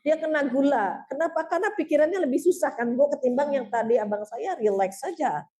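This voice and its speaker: A woman's voice: sits high, a little fast, dark tone. A woman religious teacher giving a heartfelt talk to an audience of women, telling personal stories and often addressing her listeners directly. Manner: storytelling, keeps addressing listeners as "Bu"; earnest, heartfelt. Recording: echoey hall.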